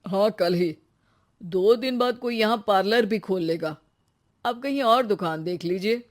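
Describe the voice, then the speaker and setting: A woman voicing a blunt, matter-of-fact male shopkeeper in an animated story. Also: medium pitch, unhurried, natural voice.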